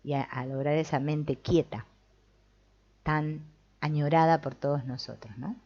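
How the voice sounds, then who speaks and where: A woman's voice: sits low, fairly even intonation, unhurried, muffled recording. A woman hosting a live-streamed book discussion, talking it through conversationally and often checking in with her listeners. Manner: conversational, keeps checking in with tag questions. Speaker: host of a book reading and discussion.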